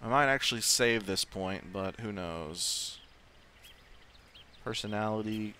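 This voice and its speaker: A man's voice: fairly low pitch, takes it slowly, sharp tone, slight background noise. A man giving casual let's-play commentary, thinking aloud and swearing offhandedly. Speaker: gaming video host. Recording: faint game sound behind voice. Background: video game ambience.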